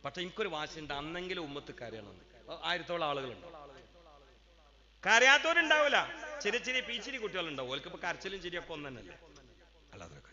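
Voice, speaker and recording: A man preaching at a madrasa gathering, moving between chatty asides and loud, drawn-out chanted declamation. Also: fairly high pitch, big pitch swings. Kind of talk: Islamic sermon. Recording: dull lo-fi sound with long hall reverb.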